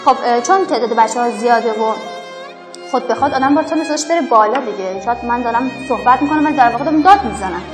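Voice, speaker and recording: A young woman from Afghanistan, a schoolteacher, talking earnestly and reflectively in a documentary interview. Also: on the high side. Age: young adult. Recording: roomy echo with violin music over it.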